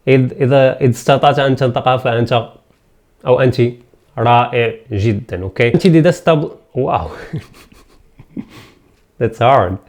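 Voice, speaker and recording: Algerian man slowly drilling English words. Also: medium pitch, a little mellow. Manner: repeats words slowly, switches between Arabic and English. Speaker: English teacher. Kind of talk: pronunciation lesson.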